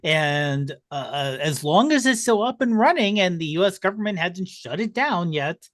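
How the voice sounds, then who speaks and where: A man co-hosting a podcast, his voice a little high and recorded close and dry. He chats in a relaxed, wry tone. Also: moderate pace, no room sound. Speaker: podcast co-host. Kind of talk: casual podcast chat.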